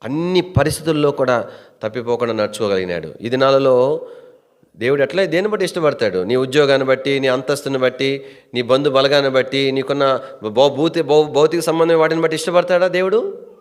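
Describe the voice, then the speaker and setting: Impassioned preacher in a reverberant hall. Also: male voice, a little fast. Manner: impassioned, rising to high emphatic questions; storytelling with hesitant restarts. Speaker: pastor. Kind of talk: sermon.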